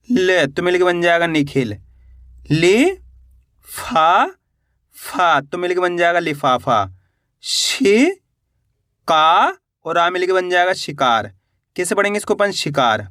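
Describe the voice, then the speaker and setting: A man teaching beginners to read and spell, sounding words out slowly syllable by syllable and quizzing his viewers with encouragement. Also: sits high, sharp tone, dry recording, clean studio sound. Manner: encouraging, addresses viewers as friends. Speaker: Hindi teacher.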